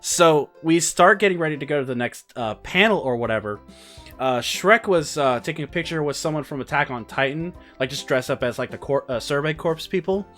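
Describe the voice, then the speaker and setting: Excitable young man telling a story. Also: fairly high pitch, a little fast, soft background music. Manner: excitable, rambling, many fillers. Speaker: vlogger. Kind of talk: casual storytelling.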